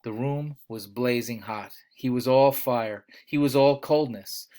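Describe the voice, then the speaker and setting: A man narrating a novel aloud at a steady, measured pace. His delivery is plain and even, with a mid-range voice that carries the prose without flourish. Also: medium pitch. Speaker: audiobook reader.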